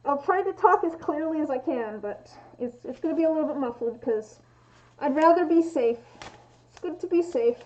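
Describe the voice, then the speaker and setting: Female craft streamer, high-pitched, talking casually through a mask, muffled and dull. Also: lively intonation, moderate pace, a little mellow. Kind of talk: casual livestream chat while crafting. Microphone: livestream mic, voice through respirator mask.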